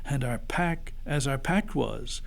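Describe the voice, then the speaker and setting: A man's voice: mid-range voice, slow, vocal fry, a little hiss or hum. A man voicing a fierce, cruel witch queen in a storybook read-aloud, commanding and imperious. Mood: gloating, menacing. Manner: imperious, exclamatory.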